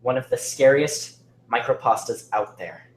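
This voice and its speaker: A man's voice: medium pitch, unhurried. Chatty livestream host man, roomy sound. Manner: chatty, filler-heavy host talk. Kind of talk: casual livestream chat.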